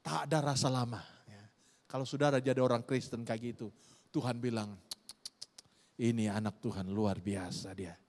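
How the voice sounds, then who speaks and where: Male Malaysian pastor, lively sermon delivery, long church reverb. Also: mid-range voice, moderate pace, long pauses. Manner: animated preaching with sudden loud shouted rises; often addresses listeners as "saudara".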